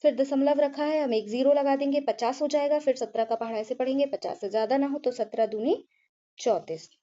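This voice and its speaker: A woman with a high but mellow voice teaches maths one careful step at a time. She keeps checking in with the class and answers her own questions as she works. The recording sounds a little dull and lo-fi. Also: fairly quick. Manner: patient, repeats "ठीक है" and asks herself questions.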